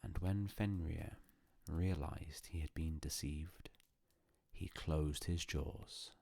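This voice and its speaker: Male sleep-story narrator: gravelly, close and dry, calm, solemn, hushed delivery with long pauses. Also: extremely low pitch, no echo.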